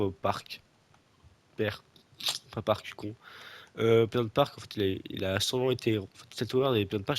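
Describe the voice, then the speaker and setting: Stuffed up from a cold, this young man teases a friend during a casual gameplay chat, rambling along with lots of fillers and false starts as he makes a gaming video. He has a lowish voice, and the recording is dry.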